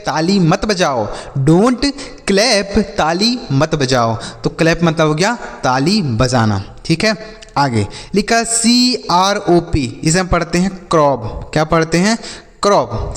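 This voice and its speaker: Slow, repetitive male teacher in an echoing room. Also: on the high side. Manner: repeats each word and asks rhetorical questions, slow deliberate spelling. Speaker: English teacher. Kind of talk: spoken vocabulary lesson for children. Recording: long hall reverb.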